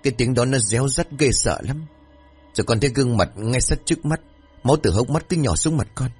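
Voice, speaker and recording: A man's voice: medium pitch, animated, fairly quick, darkish tone, breathy edge, faint music behind, pitched above the performer's own voice. A man voicing a terrified young son, injured and haunted, telling his parents what he saw in a trembling, pleading voice.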